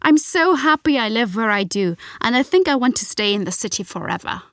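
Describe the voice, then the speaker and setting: Woman with a higher voice, scripted reading. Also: animated, a little fast, a bit bright, no room sound, studio quality. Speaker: speaker in a listening exercise. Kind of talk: scripted first-person narration.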